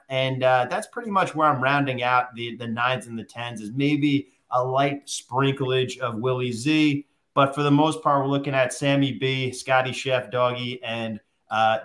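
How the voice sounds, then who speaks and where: A man with a medium-pitched, fairly bright voice co-hosts a golf betting podcast. He rambles casually through the sports betting talk, tossing out punning nicknames.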